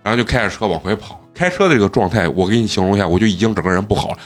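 A podcast host chats through his stories at a quick clip. His husky voice swings up and down as he goes. He breaks into laughter often. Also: lowish voice, faint music behind. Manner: animated, laughs often while telling stories. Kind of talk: casual storytelling chat.

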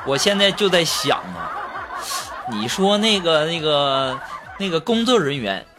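A man's voice: fairly high pitch, big pitch swings, unhurried. A man who hosts a comedy show, reading out listener jokes and teasing his listeners as he goes. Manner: chatty, teasing, laughs at his own jokes. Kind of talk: comic joke-telling show. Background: background music.

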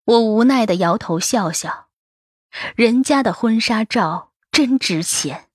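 A woman's voice: on the high side, lively intonation, takes it slowly, husky, dry recording, clean studio sound. A woman narrating a first-person novel as an audiobook, in a wistful, emotive storytelling manner.

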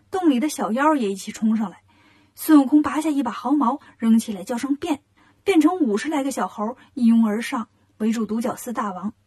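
A woman narrates a children's story with a lively, animated delivery. Her voice sits fairly high and has a slight breathy huskiness.

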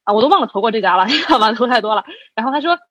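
A woman's voice: a little high, rapid-fire, husky, no room sound. A young woman in her twenties, a podcast guest, casually telling a story and acting out the people in it, often laughing as she talks. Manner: lively storyteller who acts out both sides of conversations and laughs often.

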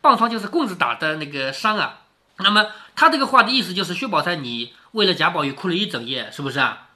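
A middle-aged man reads a classic story aloud at home, breaking off to explain it in plain talk. His pitch swings widely as he asks rhetorical questions, and his tone is bright and forward. He sounds close to the mic. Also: sing-song, fast talker. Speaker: storyteller reading a classic novel to his daughter. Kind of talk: casual read-aloud with commentary.

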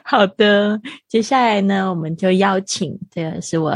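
A woman's voice: mid-range voice, moderate pace, vocal fry, no room sound, clean studio sound. A woman hosting an online group session over a video call, informal and effusive, full of encouragement and praise. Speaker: host of online club session.

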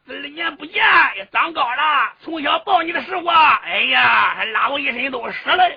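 A man's voice: very high voice, expressive, moderate pace, gravelly, heavily acted. Cheng Yaojin, a man playing a fussy old general. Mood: fond. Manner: fussy, rambling, folksy. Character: old boisterous general, fussing and teary. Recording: dull lo-fi recording with faint fiddle.

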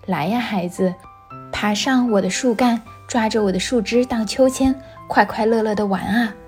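A woman's voice: a little high, normal speed, soft background music, lightly acted. A woman voicing a tender, giving old tree. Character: gentle self-giving tree, loving and tender.

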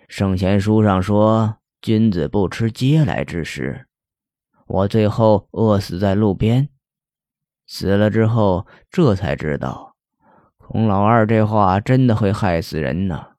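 A man voicing the ghost of a starved old-time male scholar who speaks in a bookish, lamenting, measured way. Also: on the low side, darkish tone, no echo, studio quality.

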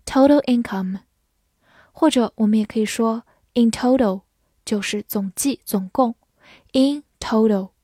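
Woman vocabulary teacher, slow patient delivery, letter-by-letter spelling, dry close sound. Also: on the high side, dark tone, slightly rough, dry recording. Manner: patient, spells words letter by letter and repeats slowly. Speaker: English teacher. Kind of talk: vocabulary lesson, spelling and slow read-alouds.

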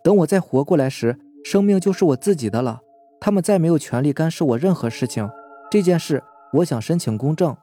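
Determined young woman read by a male storyteller, plain resolute delivery, mellow voice, storybook. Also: on the high side, lively intonation, fairly quick, soft background music.

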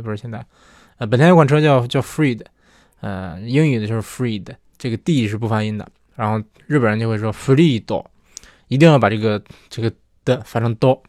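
A man's voice: medium pitch, darkish tone, dry recording, clean studio sound. A male host casually explaining things to listeners. He often rephrases himself and checks for agreement as he talks. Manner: chatty, rephrases often, asks "对不对" for agreement. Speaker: host answering listener questions.

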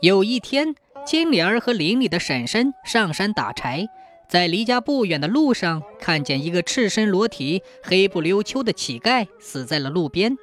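A woman narrating a traditional folk tale in a measured, expressive storytelling manner. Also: medium pitch. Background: faint music.

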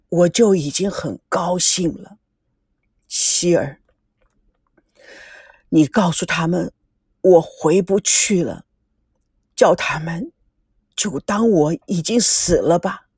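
A woman voicing a grief-stricken old man who speaks slowly and haltingly, choked with emotion. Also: on the low side, a little mellow, husky, dry recording, studio quality, pitched below the performer's own voice, heavily acted. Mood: despairing.

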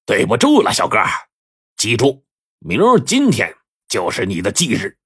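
A male storyteller voicing a ruthless bandit chief who sneers and threatens in a gruff, husky voice. His speech is dry and close, in a spoken folk tale. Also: on the low side, wildly swooping pitch, moderate pace, a bit bright, dry recording, heavily acted. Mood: threatening.

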